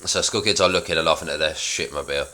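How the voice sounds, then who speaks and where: Very deep, bright-voiced man. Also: fast. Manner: offhand, self-mocking commentary. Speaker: writer reading his own sitcom script. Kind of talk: casual script read-through with asides.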